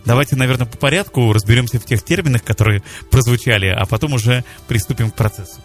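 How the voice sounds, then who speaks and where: A man's voice: mid-range voice, quick pace, soft background music. A male radio host presenting a live morning show on air, addressing listeners over the radio from a studio.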